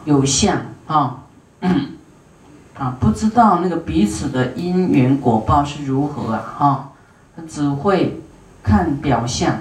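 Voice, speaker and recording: A woman Buddhist teacher giving an unhurried dharma lecture to an audience, filling pauses with drawn-out "ah" sounds and putting questions to her listeners. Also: low voice, darkish tone. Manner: unhurried, with many drawn-out "ah" fillers; asks the audience questions and to raise hands. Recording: roomy hall sound, voice from a distance.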